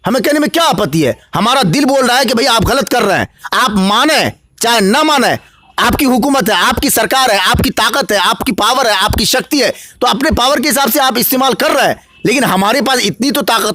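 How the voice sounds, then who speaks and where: Bihari man, candidate, high voice, preacherly answers building to declamation, dry close sound. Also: sharp tone, no room sound. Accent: Bihari Hindi-Urdu. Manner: preacherly, rising to emphatic declamation. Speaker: election candidate. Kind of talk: political interview answers.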